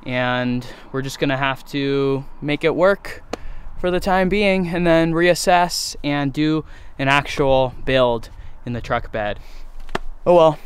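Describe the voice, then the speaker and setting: A young man vlogging from a snowy mountain campsite chats cheerfully to the camera. His voice sits on the high side with fairly even intonation, and he speaks slowly. A little hiss or hum is audible in the recording.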